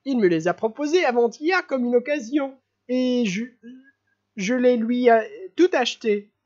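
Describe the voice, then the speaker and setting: A reader doing Prince Myshkin, giddy and high. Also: very animated, takes it slowly, highs cut off. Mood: giddy, excited. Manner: breathless, laughing, rambling. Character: excited young male prince, laughing and giddy.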